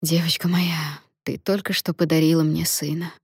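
A loving young husband, flustered and anxious, with a lowish voice. A woman narrator voices him without changing much. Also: steady tone, unhurried, a little mellow, dry recording, studio quality. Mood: tender. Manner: anxious, tender.

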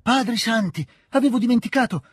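A man voicing an eager, excitable teenage boy officer who talks in a rush, in a storybook reading. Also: medium pitch, husky, dry recording, clean studio sound. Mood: excited. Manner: rushed, overeager, generous.

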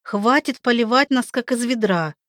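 Woman reading as a young girl in a storybook, higher and urgent, dry sound. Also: lively intonation, measured pace, no echo. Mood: defiant. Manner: urgent, pleading. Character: brave young woman pleading for her love.

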